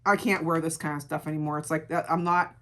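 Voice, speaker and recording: A middle-aged woman with a gravelly voice, chatting casually through a beauty product review and repeating words for emphasis. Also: low voice, steady tone, quick pace, fairly bright tone. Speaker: beauty vlogger.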